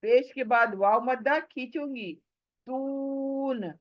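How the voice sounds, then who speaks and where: Slow-paced woman teaching Quran recitation. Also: on the high side, no echo, lo-fi sound. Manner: slow, drawn-out chanted recitation of verses between explanations; patient, repeats and asks the listener questions. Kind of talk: tajweed lesson mixing Hindi and English.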